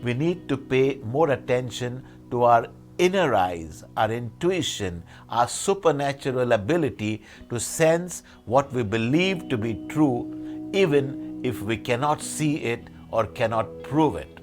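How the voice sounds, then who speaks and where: A man's voice: mid-range voice, lively intonation, music in the background. Man preaching at a pulpit microphone. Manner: measured, phrase-by-phrase delivery with rhetorical questions and lists; slows and softens to a hushed guided meditation. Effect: speaking at a pulpit microphone. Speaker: priest. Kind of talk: sermon.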